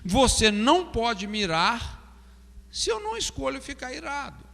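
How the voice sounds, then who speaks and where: A Brazilian man, a pastor, teaching on pastoral counseling in an animated way, often checking in with his listeners. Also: very high-pitched, unhurried, vocal fry. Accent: Brazilian Portuguese. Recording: reverberant hall.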